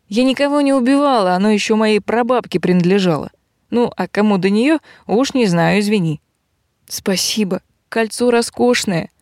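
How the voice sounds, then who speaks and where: A woman reading an audiobook, voicing an impulsive, loud young female robber chief with a high, excitable, scolding voice. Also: no echo, studio quality, lightly acted.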